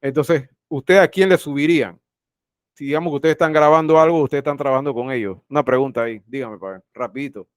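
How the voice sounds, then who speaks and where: A man's voice: on the high side, fast talker, smooth, dry recording, clean studio sound. A man teaching an online class over a video call, who often repeats his phrases and puts questions straight to his students. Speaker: university teacher.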